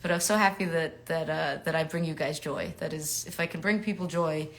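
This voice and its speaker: An actor from New York in her thirties chats with fans on a livestream while signing autographs, speaking into a webcam mic at home. Her slightly low voice stays fairly even and fairly quick, upbeat and talkative, trailing into quiet murmurs as she writes.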